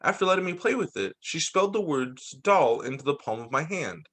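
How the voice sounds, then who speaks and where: A man with a slightly high voice and a slightly quick pace reads a picture book aloud to his young students as their teacher. He reads expressively and adds small asides. He's animated, explaining things and checking in with the children.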